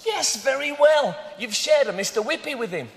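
A man's voice: very high voice, animated, moderate pace, gravelly, exaggerated voice. Bashful lovesick panto guy, voice swoops about, echoey noisy theatre. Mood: flustered. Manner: hesitant, stammering, over-earnest. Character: bashful, hapless, lovesick pantomime young man. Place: large theatre stage with audience. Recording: noisy live theatre recording, hall reverb.

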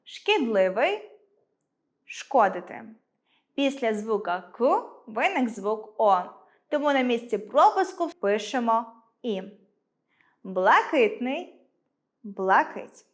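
Slow, lively-voiced woman teaching a class. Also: a little high. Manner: clear, deliberate dictation of example words. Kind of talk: school lesson for children.

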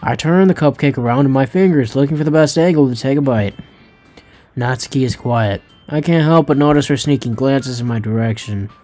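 A man's voice: medium pitch, a little fast, dark tone, faint music behind. A man hosting a let's play, reading a visual novel aloud with jokes, swearing and tripping over his words.

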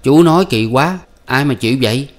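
A male audiobook reader voicing a cheeky young farmhand who needles a slow coworker. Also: medium pitch, animated, pitched above the performer's own voice, lightly acted. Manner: cheeky, prodding.

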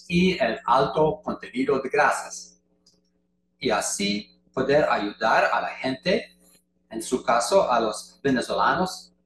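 Careful and unhurried, an older Canadian man gives a prepared conference lecture in a second language, choosing his words deliberately. He speaks at medium pitch. His video call webcam picks up an echoey room and faint noise.

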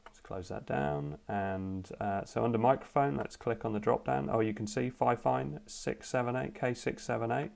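A man's voice: medium pitch, normal speed, gravelly, few pauses, darkish tone. A man hosting a casual gear review at his home desk, rambling with many uhs and restarts, into a USB podcast mic. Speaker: tech video host. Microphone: USB podcast microphone.

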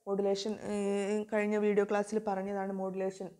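A woman's voice: mid-range voice, monotone, warm tone. A woman gives a video lecture, asking her class questions and answering them herself. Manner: reads English definitions slowly. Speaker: teacher.

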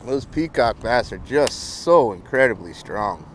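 A man filming himself with an action camera on a canal bank, chatting casually as he fishes and getting excited over his catches. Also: mid-range voice, a little slow, slight background noise. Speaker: fishing vlogger. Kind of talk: casual fishing commentary. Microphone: wearable action camera.

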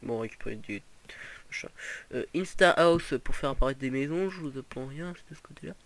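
A man's voice: mid-range voice, lively intonation, fairly quick, no room sound. A young man giving casual gameplay commentary, rambling with lots of fillers and restarts. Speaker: gaming video host.

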